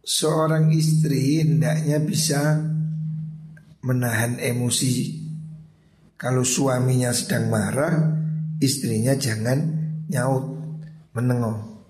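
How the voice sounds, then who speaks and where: Slow, deliberate kyai. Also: male voice, medium pitch, fairly even intonation, darkish tone. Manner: reads Arabic then glosses it in Javanese and Indonesian; slow, deliberate delivery with frequent throat clearing. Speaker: kyai teaching a classical Islamic text. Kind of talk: pesantren kitab study lecture. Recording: echoey room with faint music.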